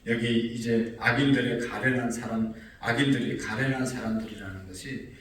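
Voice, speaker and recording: A man's voice: mid-range voice, fairly even intonation, moderate pace. Male pastor, dawn sermon, earnest, voice in the middle range, distant mic in an echoing sanctuary with faint background hum. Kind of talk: early-morning sermon. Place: church sanctuary.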